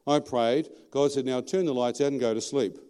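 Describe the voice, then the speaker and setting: A middle-aged Australian man preaching his testimony in a lively, colloquial storytelling manner, often putting questions to the audience. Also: medium pitch, moderate pace, smooth. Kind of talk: storytelling sermon.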